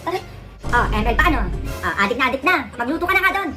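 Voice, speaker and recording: Isang babaeng may puntong Pilipino na gumaganap ng ina at anak sa isang comedy skit, mapang-asar at masiglang pananalita. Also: female voice, high voice, quick pace. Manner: animated, teasing comic delivery. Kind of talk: comic skit acting, mother and child roles. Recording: music playing behind.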